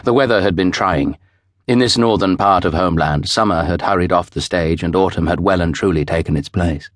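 Man, audiobook narrator, very low voice, measured storytelling, dry studio. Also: dry recording. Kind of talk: scripted narration.

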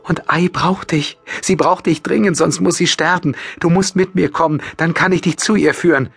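Man doing a crying young woman seer, much higher voice, pleading hard, audiobook. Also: steady tone, moderate pace, vocal fry, fairly bright tone, breathy edge, full character voice. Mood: desperate pleading. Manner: pleading, insistent.

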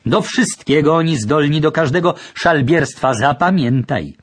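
A man's voice: on the high side, expressive, measured pace, slightly rough, no room sound, voice pushed up. A man putting on a wary, half-deaf old grandfather. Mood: earnest. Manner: fearful, suspicious questioning.

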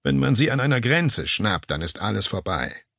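A calm, firm male caller gives orders in a measured tone, as a male narrator puts him on. His voice is low and gravelly, with a husky edge. The audiobook recording is dry and close. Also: no room sound, exaggerated voice. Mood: commanding.

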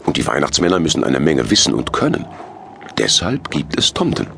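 A man's voice: a bass voice, wildly swooping pitch, brisk, vocal fry, sharp tone, slight background noise, heavily acted. A man voicing a fat, jolly and bossy Santa Claus who grumbles and gives orders in a children's storybook. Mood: hearty. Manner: hearty, grumbling, commanding.

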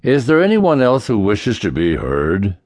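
A man's voice: lowish voice, huge pitch swings, a little slow, a little mellow, no room sound, heavily acted. A man voicing a stern, impatient king who scolds his nobles. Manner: stern, commanding.

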